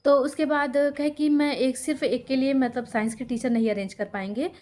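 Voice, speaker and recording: At a moderate pace and with a steady tone, her high, slightly mellow voice carries the story of her life. She is a young teacher and YouTuber from Sultanpur district, Uttar Pradesh, India, chatting casually and often checking in with her viewers.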